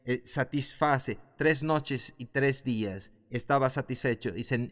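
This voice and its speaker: A man teaching a Bible class in a fervent preaching style, building to loud exclamations. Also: a little high. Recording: long hall reverb.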